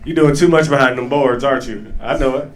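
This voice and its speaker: A man's voice: mid-range voice, quick pace. Laughing, profane stand-up comedian man. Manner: loose, profane, laughing storytelling. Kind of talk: stand-up set. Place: comedy club stage.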